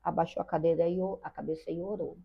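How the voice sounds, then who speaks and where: A woman's voice: on the low side, fairly even intonation, quick pace, gravelly, breathy edge. An older woman with a Brazilian Portuguese accent, a guest telling a personal story earnestly, repeating phrases and addressing the host by name. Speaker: interview guest. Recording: dull lo-fi sound.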